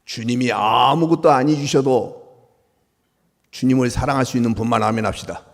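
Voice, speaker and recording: A man preaching a sermon as pastor, swinging from soft murmurs to loud exclamations and acting out quoted speech. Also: medium pitch, moderate pace. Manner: acts out quoted speech of God and the people. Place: church sanctuary. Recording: long hall reverb.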